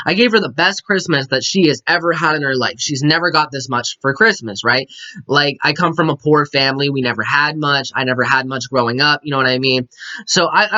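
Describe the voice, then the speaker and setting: A man's voice: on the high side, bright, forceful tone. A young man venting frustration in a casual to-camera story, often tagging sentences with "right?" and "like". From Pennsylvania. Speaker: vlogger. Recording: dull lo-fi sound.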